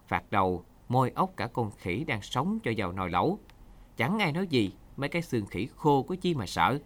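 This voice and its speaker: A man reading a short story aloud for a radio program in an expressive storytelling manner. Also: medium pitch. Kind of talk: scripted narration.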